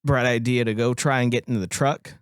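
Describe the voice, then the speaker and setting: Here a male podcast co-host discusses a film a little quickly, at medium pitch with fairly even intonation. Laughter comes often, and he voices lines in put-on characters. The sound is smooth, echo-free and studio quality.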